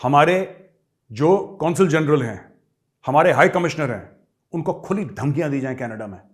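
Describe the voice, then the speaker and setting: Guy ranting on politics, taunting and combative, kinda high voice. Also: expressive, normal speed. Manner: combative, taunting, addresses viewers as friends. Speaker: commentator. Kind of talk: fiery political commentary to camera.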